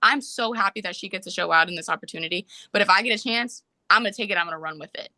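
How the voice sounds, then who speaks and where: A young woman tells a long story as a podcast guest, her speech quick and peppered with "like." Her voice is bright and forward, and the sound is dry and close with no room around it. The tone is casual and lively. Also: medium pitch, no echo. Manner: animated, fast storytelling with many "like"s. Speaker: podcast guest, soccer player.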